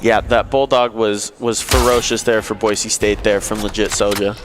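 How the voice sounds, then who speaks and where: A man's voice: lowish voice, level tone, normal speed, background noise. A man giving conversational colour commentary on an esports match, with game gunfire behind him. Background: video game gunfire and ambience.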